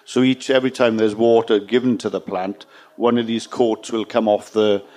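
A man's voice: on the low side, little pitch movement, moderate pace, a little mellow. A man answering as an expert panellist with practical, unscripted advice.

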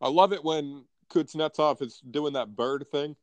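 A man's voice: fairly high pitch, unhurried, a little mellow, dry recording. Blunt, profane North American frat-bro sports guy. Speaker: sports podcast co-host. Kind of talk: casual sports chat.

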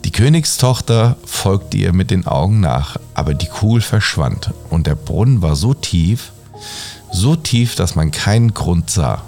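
A man narrating a bedtime fairy tale in a calm, measured way. His voice sits very low with a gravelly edge, and soft music plays quietly underneath. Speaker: bedtime story reader. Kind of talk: storybook narration.

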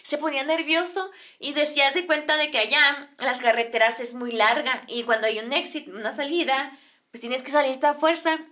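A young woman with a Mexican accent, telling a casual anecdote in an animated way and acting out the quotes. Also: sits high, normal speed.

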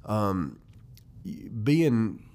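Low-voiced man with an Appalachian accent. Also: very animated, drawn-out words, darkish tone. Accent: Southern Appalachian. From Western North Carolina, United States. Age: 40s. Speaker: musician guest. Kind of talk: casual reminiscing interview.

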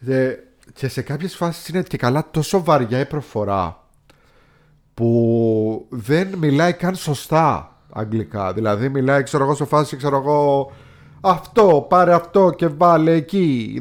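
A man chatting as a film podcast co-host, giving blunt, picky opinions on what he watched. His voice sits in an everyday middle pitch. He talks it through casually and now and then mimics accents. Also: expressive. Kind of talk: casual film-review chat.

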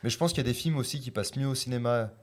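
A man talking casually about a film he picked, hesitant and halting. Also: medium pitch, darkish tone. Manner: hesitant, many fillers and restarts. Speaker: co-host who picked the film. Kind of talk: casual chat about films.

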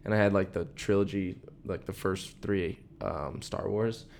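This podcast co-host is a young man whose deep, creaky, darkish voice holds a steady tone at a measured pace. He rambles through casual chat, leaning heavily on "like" and "dude."

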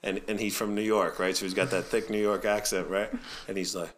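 A man's voice: fairly low pitch, level tone, a little fast, fairly bright tone. A man hosting a football coaching podcast, chatting casually in a jokey, opinionated way.

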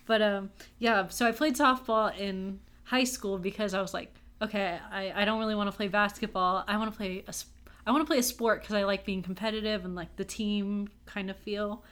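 This young Texan woman co-hosts a podcast, and her medium-pitched voice stays steady while moving fairly quickly with a slightly bright edge. She's chatty and upbeat in the casual conversation, poking fun at herself and laughing often as she goes.

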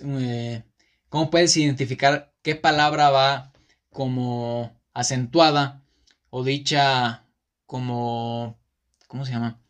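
A man's voice: medium pitch, fairly bright tone. Man, Mexican Spanish accent, podcast host, casual monologue, rambling, self-correcting, lots of fillers.

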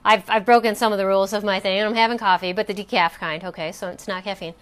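A woman's voice: mid-range voice, steady tone, fast, smooth. A woman hosting a personal coaching talk, telling a story in a chatty way with fillers and restarts. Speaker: host.

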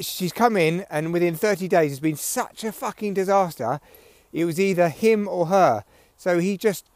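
Male comic podcaster, fairly high voice, sweary rambling monologue, dry sound through a headphone mic. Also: dry recording. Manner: sweary, ranting, opinionated. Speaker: podcast host, comedian. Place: outdoors in windy weather. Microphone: headphones used as mic. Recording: recorded through headphone mic, rustly clicks.

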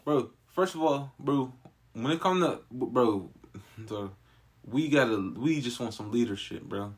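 A man in casual podcast banter, loud and animated, repeating himself to hold the floor. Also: medium pitch, unhurried, breathy edge. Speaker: podcast co-host. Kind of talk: casual chat.

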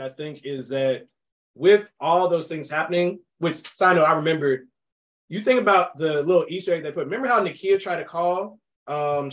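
A young man hosting a casual podcast about a movie, talking in an animated, emphatic way and laughing often. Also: fairly high pitch. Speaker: podcast host.

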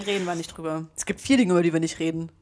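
A woman's voice: on the low side, steady tone, racing, darkish tone. Young woman cohosting, chatty and giggly, throws in english slang. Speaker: podcast co-host. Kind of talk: casual chat.

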